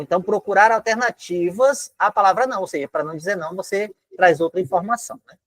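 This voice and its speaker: His voice sits high with a fairly bright tone, and there's no room sound. A man with a Brazilian Portuguese accent teaches exam prep online from home, keeping it casual and chatty with plenty of filler tags and step-by-step explanations.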